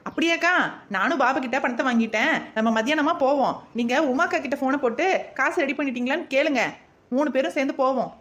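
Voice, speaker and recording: A woman voicing an eager young woman friend in a cartoon, with a Kanyakumari Tamil accent, chattering quickly. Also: sits high, fairly bright tone.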